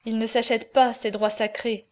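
A woman's voice: a little high, little pitch movement, normal speed, lightly acted. A woman reading the part of a distraught older man in an audiobook, voicing his anguished, pleading questions.

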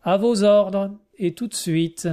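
A hearty middle-aged travelling showman speaks out emphatically and warmly, as a male narrator plays him. The voice runs a little high, with a soft, mellow color. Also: slow. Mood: emphatic.

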